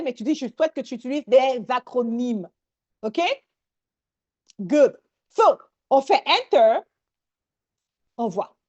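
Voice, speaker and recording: A woman leading a live online workshop, energetic and sprinkling English words into her talk. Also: sits high, highs cut off.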